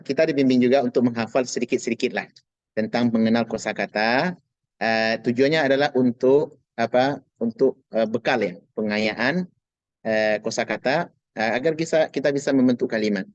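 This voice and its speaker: A man teaching an online Arabic class in a patient, reassuring way, saying each word slowly for students to repeat. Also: medium pitch, no echo, muffled recording. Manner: slow drilled pronunciation of Arabic words. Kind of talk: online language lesson.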